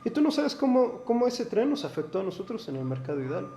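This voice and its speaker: A man's voice: sits high, sing-song, quick pace, creaky, dark tone, reverberant, slight background noise. A man with a Mexican Spanish accent, a lawyer and guest in a studio interview, talking earnestly and stammering on his opening words.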